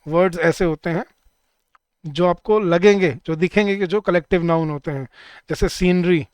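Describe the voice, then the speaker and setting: A man teaching a live online class for bank exam students, speaking Hindi, repeating each word slowly and drilling the rules, with words said. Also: high-pitched, clean tone, dry recording.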